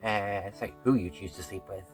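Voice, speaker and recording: A woman's voice: rumbling low, steady tone, a little fast, darkish tone, faint music behind. A woman hosting a casual reaction video, talking frankly with plenty of fillers and restarts. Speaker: host.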